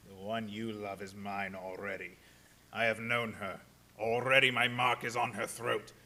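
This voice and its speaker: An actor playing a menacing, taunting vampire count in a live radio play, speaking in slow, ominous threats. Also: male voice, fairly low pitch, flat delivery, pushed and bright, exaggerated voice. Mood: taunting, triumphant.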